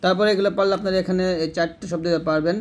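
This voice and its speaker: A man with a fairly high voice teaches Quran reading step by step. He names each letter and its vowel mark, then joins the sounds into whole words. He has the viewer repeat each word after him. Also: fairly even intonation, rapid-fire. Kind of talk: spelled-out recitation lesson.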